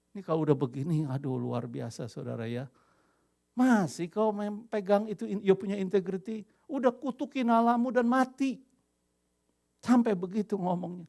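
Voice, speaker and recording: An older man from Indonesia preaching a lively sermon as pastor, dropping English phrases into his talk. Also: sits high, vocal fry.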